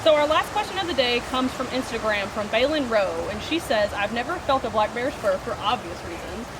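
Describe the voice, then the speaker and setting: A woman's voice: on the high side, expressive, brisk. A cheery, friendly woman hosting a video in an upbeat presenting style, reading out audience questions. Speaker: video host. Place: outdoors at a theme park. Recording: clear outdoor ambient noise.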